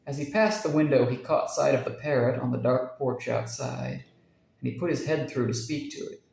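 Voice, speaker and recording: A man narrating a dark short story with measured, suspenseful pacing. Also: medium pitch, creaky, roomy sound, poor audio. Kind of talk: dramatic story reading.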